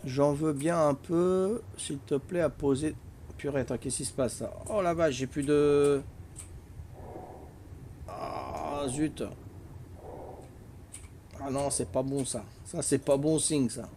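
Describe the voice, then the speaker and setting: A man's voice: on the high side, takes it slowly, pauses often, dark tone, a little hiss or hum. An older man with a Corsican accent, chatting casually and teasingly with viewers while playing a game on a live stream. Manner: teasing, chatty, peppers talk with "hein".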